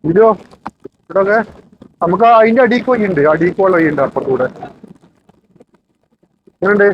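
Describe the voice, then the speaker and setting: Male vlogger, high voice, casual mix, recorded outdoors with faint rainy noise. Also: animated, a little fast, muffled recording. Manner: mixes English words into Malayalam. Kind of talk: casual outdoor travel vlog chat. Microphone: phone. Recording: background noise of rain outdoors.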